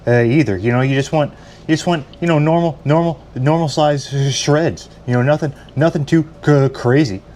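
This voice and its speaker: A man's voice: mid-range voice, darkish tone. A man talking casually through a home recipe, stammering and repeating words as he goes, rambling and self-deprecating. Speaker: home cook. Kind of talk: casual cooking vlog.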